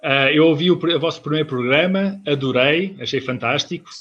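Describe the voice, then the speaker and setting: Guest, male, European Portuguese accent, measured and a bit hesitant, slightly high voice, dull lo-fi low quality stream with faint hiss. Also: fairly bright tone. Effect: low quality internet stream audio. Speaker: guest commentator. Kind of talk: casual online talk show chat. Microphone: video call.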